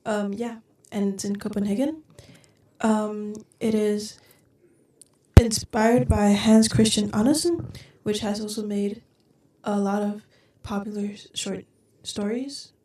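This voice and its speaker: An eighteen-year-old woman from Denmark, a guest on a school podcast, talking with many pauses and ums. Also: medium pitch, steady tone. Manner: hesitant, many ums, drifting softer. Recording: roomy, distant from the mic.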